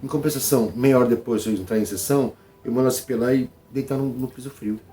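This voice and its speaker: A man's voice: medium pitch, fast talker, mellow, faint music behind. A man with a Brazilian Portuguese accent hosting his channel in a casual vlog monologue, talking conversationally, repeating phrases and checking in with his listeners. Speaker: channel host.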